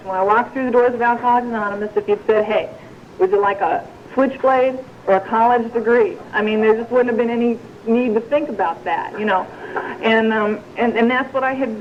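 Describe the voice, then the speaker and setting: A woman's voice: fairly high pitch, highs cut off, slight background noise. A woman giving a personal testimony at a recovery meeting, wry and conversational, peppered with "you know".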